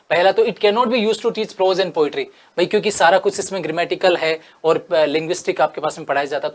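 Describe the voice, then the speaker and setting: A male teacher from India giving an exam-prep lesson. He reads English options slowly, then explains them with rhetorical questions. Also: a little high.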